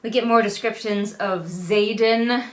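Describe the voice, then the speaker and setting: Exasperated and sarcastic, a middle-aged book review host works through a book in a casual read-along, performing quotes mockingly. She speaks unhurriedly in a mid-range voice with fairly even intonation.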